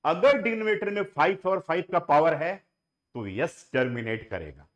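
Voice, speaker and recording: Coaxing man teaching maths, fairly high voice. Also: expressive, moderate pace. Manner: coaxing and repetitive, mixes Hindi with English phrases. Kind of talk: classroom lecture.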